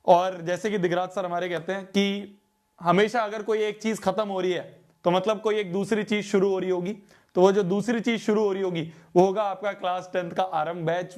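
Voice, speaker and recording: A man's voice: sits high, fairly even intonation, brisk. A man teaching a live online class, chatty and repeating his phrases as he checks in with students. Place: home studio.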